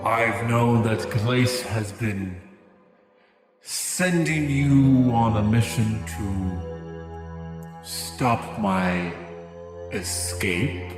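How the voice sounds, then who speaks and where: A colossal, ancient fire titan, as a game master puts him on, speaks in a booming, magically amplified voice that rolls out in a long reverb. He talks very slowly and imperiously, his lowish voice full of menace and condescension, with music playing behind him. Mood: menacing. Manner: slow, commanding, condescending. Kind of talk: voicing a character in a tabletop game.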